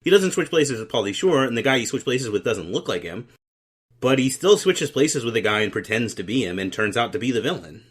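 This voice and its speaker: A man on a casual comedy podcast, his voice swooping up and down as he goes off on playful riffs. He sits at a middling pitch and talks like he's chatting with a friend, building bits as he goes. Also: brisk, breathy edge. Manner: animated, riffing with jokey tangents. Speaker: podcast co-host. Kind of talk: casual comedic film review chat.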